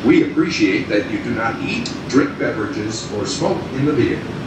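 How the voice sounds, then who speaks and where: A man's voice: animated, moderate pace. A man making formal, polite transit announcements over the intercom inside a light rail car. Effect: over the intercom on a train. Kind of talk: recorded public announcement. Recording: echoey distant train loudspeaker with rumble. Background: train noise and air conditioning.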